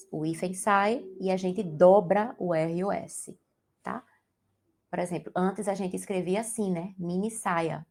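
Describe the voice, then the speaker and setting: A woman's voice: lowish voice, a little mellow. A young woman from Brazil, a Portuguese teacher, giving an exam-prep grammar lesson with a Brazilian accent and checking in with the class as she explains. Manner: explanatory, asks the class to check in with tag questions.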